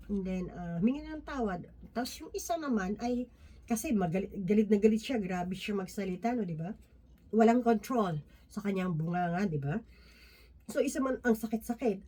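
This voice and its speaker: Woman, mellow voice, informal devotional talk, halting, lots of tag questions. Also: medium pitch. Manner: conversational, constant tag questions to listeners; halting, many restarts and fillers. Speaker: lay speaker sharing a Bible reflection.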